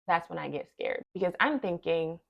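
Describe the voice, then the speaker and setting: A woman's voice: fairly low pitch, animated, moderate pace, creaky. A woman vlogger telling a personal story in an earnest, reflective storytime way. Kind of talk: storytime narration.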